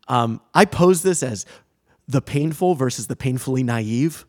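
A man co-hosting a casual music podcast, jokey and quick to laugh. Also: mid-range voice. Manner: jokey, laughs often, animated. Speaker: podcast co-host.

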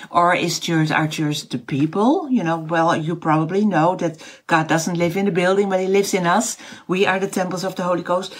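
A middle-aged woman from the Netherlands, a house church teacher, gives a casual online Bible lesson in Dutch-accented English. Her voice sits on the low side with a breathy edge, and she often hunts for words, using fillers and restarting sentences.

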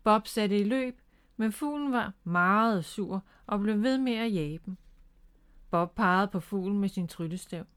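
A woman reading a children's picture book aloud in a calm, gentle way. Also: medium pitch, clean tone. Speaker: storyteller.

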